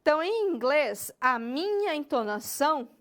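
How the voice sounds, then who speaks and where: A woman gives a recorded English lesson in a high voice. She speaks straight to the student, checks understanding with quick tags, and stretches out the English example questions slowly when she models them. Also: big pitch swings, fairly bright tone. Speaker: English teacher.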